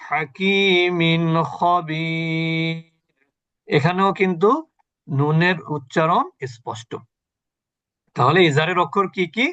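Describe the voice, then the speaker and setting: A man teaching Quran recitation rules in an online class, explaining patiently, quizzing his students and chanting example words slowly. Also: sits high, fairly bright tone, highs cut off. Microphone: video call.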